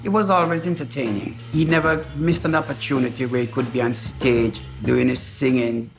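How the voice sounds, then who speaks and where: A man's voice: mid-range voice, fairly even intonation, moderate pace, over music. An older man, a father telling stories casually and quoting conversations as he goes. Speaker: father interviewed about his son. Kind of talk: casual storytelling with quoted dialogue.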